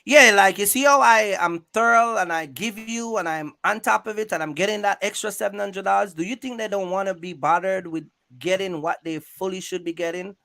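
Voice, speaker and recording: This YouTube host's voice is high, bright and creaky, forceful in tone, coming fairly quickly with few pauses. Interviewing a guest casually about trucking, he rambles and repeats himself, drops street slang, and keeps checking in with the person he's talking to.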